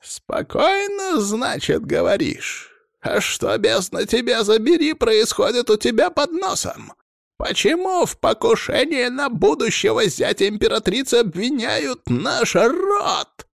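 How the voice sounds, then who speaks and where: Man putting on a raging old clan head, yelling high and loud, lively swoops, gravelly edge. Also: normal speed, no echo, clean studio sound, heavily acted. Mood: furious scolding. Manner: yelling, scolding, domineering. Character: furious old male clan head shouting down a phone.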